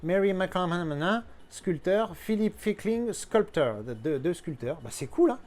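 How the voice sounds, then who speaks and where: A man's voice: high voice, lively intonation, unhurried, a little mellow. A man showing off his collector purchases in a casual unboxing chat, slangy and thinking aloud as he goes.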